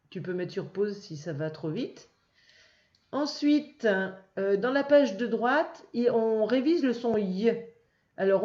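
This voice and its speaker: A woman teacher going over answers for a young child, speaking patiently, slowly and clearly. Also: mid-range voice, warm tone, roomy sound, muffled recording. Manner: patient, slow and clear, addressing one child. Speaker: first-grade teacher. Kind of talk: recorded lesson for a young child.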